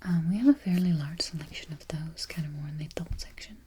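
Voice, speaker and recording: A woman whispers softly in a library-whisper role-play as a patient, friendly librarian. Her voice is mellow and breathy, with an unhurried, reassuring way of talking. Clear background noise and keyboard clicks sit behind it. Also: low voice. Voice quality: whispered, breathy, soft-spoken. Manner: gentle, unhurried, reassuring, with murmured mm-hmms. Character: friendly, patient small-town female librarian registering a patron. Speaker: ASMR performer. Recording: noisy close recording, keyboard clicking.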